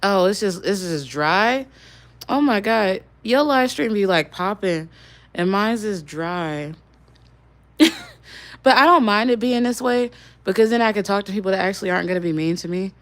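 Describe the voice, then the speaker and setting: A woman's voice: mid-range voice, a little fast. A young woman streaming live and talking loosely with her viewers. She rambles from one thought to the next, cursing casually, with a mid-range voice. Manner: swears casually. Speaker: livestreamer.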